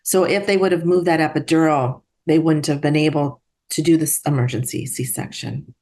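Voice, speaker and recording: Middle-aged woman guest, bit low voice, earnest halting storytelling, lots of restarts. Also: steady tone, a little mellow. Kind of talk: personal storytelling.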